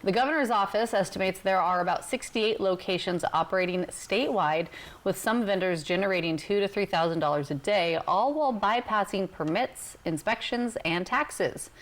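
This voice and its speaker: A woman's voice: mid-range voice, normal speed. An American woman reading scripted morning news as an anchor.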